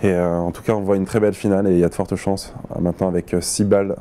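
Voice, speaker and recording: Quick, lowish male esports analyst. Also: flat delivery, dark tone, a little hiss or hum.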